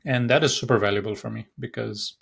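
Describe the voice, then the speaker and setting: Young male podcast host from Nepal, low gravelly voice, loose and rambling, lots of "like, you know". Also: fast talker. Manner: rambling, many fillers and restarts. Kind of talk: casual solo podcast talk.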